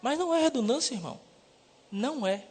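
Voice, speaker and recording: A man preaches to a congregation, building to loud, emphatic peaks on the words he stresses. His voice sits fairly high, and it rings out in a church hall with a long reverb tail. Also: animated, a little fast, husky. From Salvador, Brazil. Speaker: seminarian preacher. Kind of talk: sermon.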